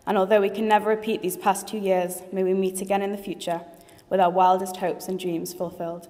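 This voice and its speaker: A graduating student in her late teens gives a formal graduation speech in a large assembly hall, sincere and heartfelt with a few light jokes. Her medium-pitched, mellow voice is delivered flatly and a little fast, and the hall's long reverb trails behind every word.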